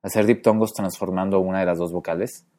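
A man teaching pronunciation in a clear, methodical way, slowing down to demonstrate sounds. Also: low-pitched, steady tone, dark tone. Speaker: Spanish phonetics teacher. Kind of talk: explanatory lesson narration.

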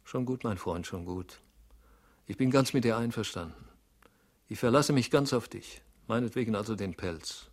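A man reading aloud and voicing an anxious, fretful middle-aged clerk, hushed and self-reproaching. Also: lowish voice, normal speed, close to an everyday voice. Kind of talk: audiobook reading.

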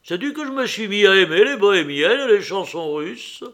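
A man reading an audiobook, voicing a bitter, frightened, drunken elder brother with loud, agitated outbursts. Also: sits high, lively intonation, unhurried, voice pushed up.

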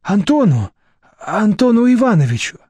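A fawning, cowardly old museum official begs in a trembling voice, pitched up high and strained, as an audiobook reader puts him on. The timbre stays dark and the recording dry. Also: male voice, sing-song, moderate pace, breathy edge, no echo, exaggerated voice. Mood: pleading. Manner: pleading, trembling, servile. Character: aging male museum deputy director, cowardly, fawning.

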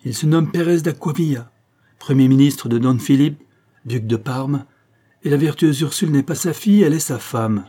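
A man's voice: medium pitch, normal speed, warm tone, husky, natural voice. A man reading an audiobook, voicing a proud young statesman who speaks coldly and declaims in triumph. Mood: commanding. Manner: cold, commanding, declamatory.

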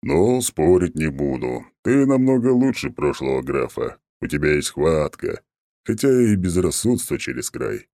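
A man's voice: very deep voice, sing-song, unhurried, gravelly, mellow, dry recording, heavily acted. A man voicing an arrogant ancient male oak god who talks down in a haughty, mocking way. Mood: smug, haughty.

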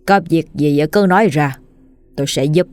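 A woman voicing a calm, authoritative male village exorcist who speaks slowly in a ghost story. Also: low voice, faint music behind, close to an everyday voice. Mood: measured. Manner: slow, measured, authoritative.

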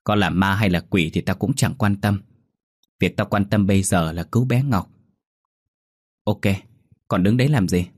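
A man voicing a blunt, quick-tempered young woman who scolds her friend, in a spoken ghost story. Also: sits low, a little mellow, slightly rough, no echo, clean studio sound. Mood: brusque.

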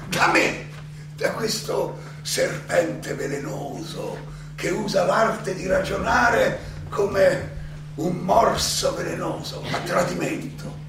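A man playing the seventy-year-old Socrates in a theatrical monologue, an ironic, indignant accused philosopher who addresses his judges haltingly, repeating phrases and throwing out questions. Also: high-pitched, noisy background, exaggerated voice. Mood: indignant irony. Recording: very echoey, distant miking, music behind.

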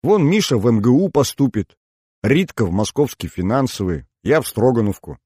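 A man's voice: mid-range voice, expressive, normal speed, a little mellow, slightly rough, dry recording, clean studio sound, pitched above the performer's own voice. A man voicing an eager young schoolgirl pleading with her friends to stay together.

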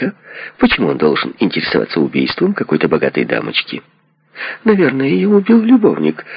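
A man voicing a plump, middle-aged madam who simpers and turns shrill when flustered. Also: gravelly, slightly rough, no room sound, exaggerated voice. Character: plump coy middle-aged woman, brothel keeper. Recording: dull lo-fi recording.

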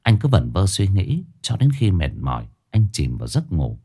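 A man reading a scripted ghost story as narrator, with expressive storytelling. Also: sits low, moderate pace, slightly rough. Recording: faint music behind.

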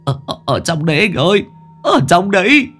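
A man's voice: high voice, big pitch swings, normal speed, a bit bright, soft background music, voice pushed up, full character voice. A man voicing a panicked young man screaming in terror. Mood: terrified.

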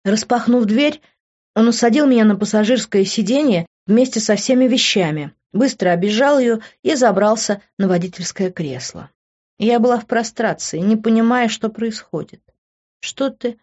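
A woman narrating a romance novel in the first person with even, emotional delivery. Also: a little high, normal speed, dull audio. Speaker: audiobook reader.

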